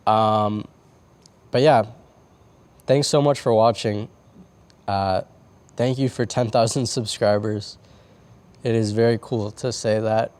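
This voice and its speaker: A young man vlogging late at night on a roof, talking in halting, repeated starts and swearing casually, tearful at times. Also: on the low side, steady tone, darkish tone. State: tearing up. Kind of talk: late-night confessional vlog. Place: on a roof outdoors.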